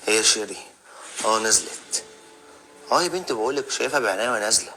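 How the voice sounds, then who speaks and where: A man's voice: on the low side, animated, fast talker, pushed and bright, a little hiss or hum. A man playing a sly, scheming husband. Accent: Egyptian Arabic. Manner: talks aloud to himself, sly and scheming. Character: cheating husband plotting behind his wife.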